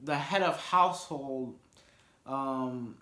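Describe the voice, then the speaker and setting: A man's voice: medium pitch, takes it slowly, sharp tone. A man hosting a casual vlog, rambling through sports and reality-show talk with frequent restarts. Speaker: vlog host. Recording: roomy echo.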